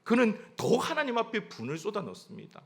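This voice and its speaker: A man's voice: high voice, huge pitch swings, brisk, vocal fry, a bit bright. A male pastor preaching a sermon with passion, stressing his points and speaking to his congregation. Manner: impassioned preaching, acting out prayers in a pleading voice.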